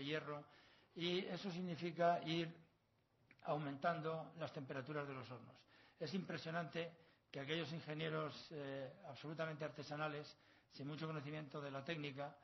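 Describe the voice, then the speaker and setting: The slightly dull, lo-fi recording of a long conference hall holds a lecture by a middle-aged academic from La Mancha. With a fairly high-pitched voice and Castilian accent, he speaks in an erudite, discursive way, weaving in proverbs and learned asides.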